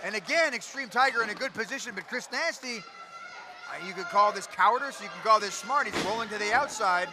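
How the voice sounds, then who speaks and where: A man calling a live pro wrestling match play-by-play with excited, dramatic delivery over a noisy venue. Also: sits high, fairly quick.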